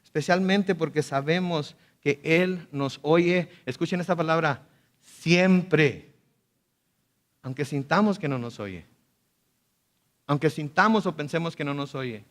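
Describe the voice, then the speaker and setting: A male pastor preaching a conversational sermon with animated asides and frequent restarts. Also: on the high side. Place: school auditorium.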